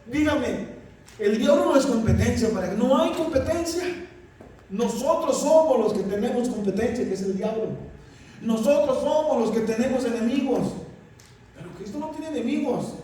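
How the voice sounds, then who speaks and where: Male pastor, very high voice, emphatic sermon, recorded from a distance in a reverberant church. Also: animated, normal speed, warm tone. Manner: emphatic, addresses the congregation as "iglesia". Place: church hall. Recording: echoey hall, distant mic, faint noise.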